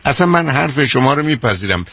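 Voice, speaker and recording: A man's voice: medium pitch, lively intonation, vocal fry, a bit bright, breathy edge. An older man hosting a radio call-in advice show, talking emphatically and repeating his points, calling the caller dear.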